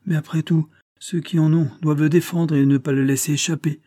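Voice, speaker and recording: Agitated middle-aged grocer, blustering and repetitive, dark husky tone, as a man reader puts him on. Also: on the high side, little pitch movement, fairly quick, dry recording, clean studio sound, voice pushed up, lightly acted. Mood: indignant. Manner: blustering, exclaiming, repeats himself.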